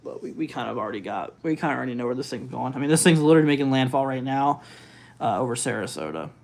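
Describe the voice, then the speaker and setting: A man hosting a live weather stream, giving casual, halting commentary as he thinks aloud and reads out figures. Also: medium pitch, animated, vocal fry, darkish tone. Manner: informal, halting, thinking aloud while looking things up. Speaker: weather livestream host.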